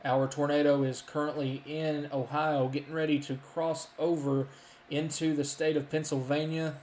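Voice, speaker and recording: A man with a slightly high voice delivers live severe weather warnings. He sounds urgent but halting, often thinking aloud between alerts. The room is echoey, with faint noise behind him. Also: flat delivery, a little mellow. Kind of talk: live storm warning commentary. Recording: roomy echo, faint background noise.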